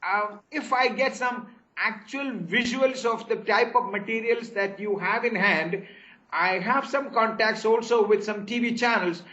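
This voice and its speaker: Older man, high and bright. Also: unhurried. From Kerala, India. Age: 70s. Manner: formal, hesitant with restarts. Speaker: tourism and teacher-training organizer. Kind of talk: video call discussion. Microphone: video call. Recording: muffled video call audio.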